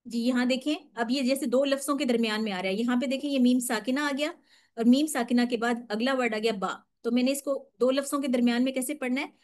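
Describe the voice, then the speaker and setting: A woman teaching tajweed in an online lesson, explaining patiently step by step and modelling slow, drawn-out recitation. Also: high-pitched, fairly even intonation, darkish tone.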